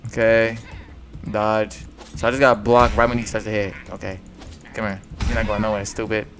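A man's voice: lowish voice, little pitch movement, normal speed. Young male gamer, muttered slangy commentary, faint music bed. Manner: mumbled, slangy running commentary. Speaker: gaming YouTuber. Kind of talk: casual gameplay commentary.

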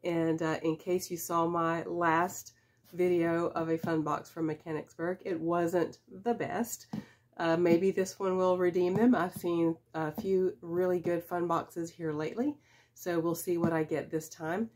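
A woman in her fifties with a stuffy head cold chats casually and unhurriedly while unboxing items, dropping in small laughs and fillers. Her lowish, darkish voice keeps a steady tone at a slightly slow pace. She's a reseller vlogger in a small indoor room with shelves of boxes, recorded by a camera at desk distance.

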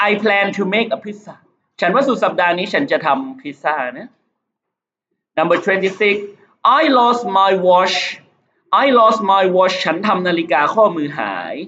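A male teacher going over exam questions, reading English sentences slowly and explaining them. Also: high voice, sharp tone. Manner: reads English items slowly, explains in quick Thai. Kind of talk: exam prep lesson. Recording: dull lo-fi recording.

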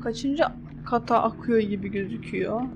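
A woman's voice: fairly high pitch, moderate pace, highs cut off, noisy background. A woman commenting on her own horror game playthrough, muttering, getting frustrated and scolding the game as she searches. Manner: frustrated, talks to herself and the game. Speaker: gameplay commentator. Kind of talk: let's play commentary. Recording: game music playing behind. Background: game music.

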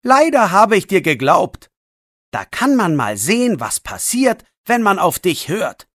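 Sarcastic teenage boy voiced by the narrator, slow and clear. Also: mid-range voice, sing-song, a bit bright, no room sound, studio quality. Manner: scolding, sarcastic. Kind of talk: audiobook role voice.

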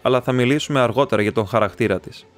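A man reading the part of a talkative, excitable young male student who rambles, chats and teases his friend. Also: medium pitch, soft background music, lightly acted. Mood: chatty. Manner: rambling, chatty, teasing.

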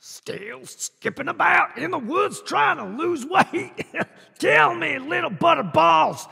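Vain boastful wolf, high and gravelly. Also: male voice, lively intonation, slow pace, long reverb tail, full character voice. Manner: boastful, theatrical, laughing, shouting. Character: vain boastful male wolf, adult, showy.

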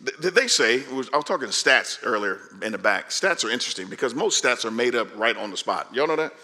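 This pastor, a man in his forties, preaches from a big church stage with a medium-pitched voice and a quick delivery. His animated, conversational style swings between loud calls and hushed asides.

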